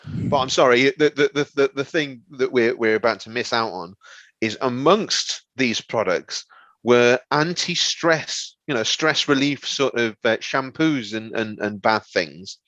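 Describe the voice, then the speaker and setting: A man's voice: medium pitch, a little slow, bright, forceful tone, dry recording. A man co-hosting a comedy podcast, telling a rambling story and stumbling over words. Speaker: podcast co-host. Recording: slightly dull, lo-fi.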